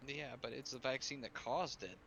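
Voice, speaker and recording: Male friend, bright forceful voice, excitable, blunt, casual swearing. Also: mid-range voice, moderate pace, slight background noise. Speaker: friend on call. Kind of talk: casual chat.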